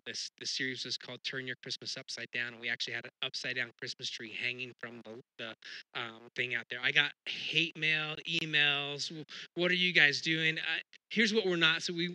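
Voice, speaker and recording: A man's voice: mid-range voice, sharp tone, no echo, rough recording. A middle-aged man preaching a sermon as pastor, talking in a conversational, self-deprecating way with frequent restarts.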